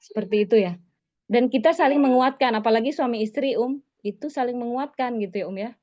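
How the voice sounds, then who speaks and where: A woman's voice: fairly high pitch, fast, mellow. A woman religious teacher giving an online lesson in a conversational way, tagging her phrases with 'gitu ya', heard over a video call. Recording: slightly muffled online call audio.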